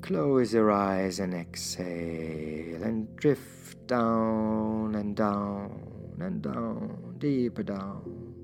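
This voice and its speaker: A man guiding a hypnosis session in a soothing, measured manner with drawn-out pauses. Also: lowish voice, creaky, music in the background. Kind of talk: guided hypnosis induction, soothing instruction.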